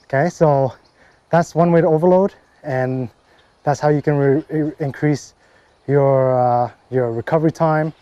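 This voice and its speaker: Guy explaining gym training, chill and rambly, mellow voice, dry muffled audio. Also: on the high side, measured pace, clear, resonant tone, no room sound. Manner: relaxed, lots of fillers and "okay, right?" check-ins. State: briefly out of breath after a set. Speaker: fitness coach. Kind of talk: casual workout instruction.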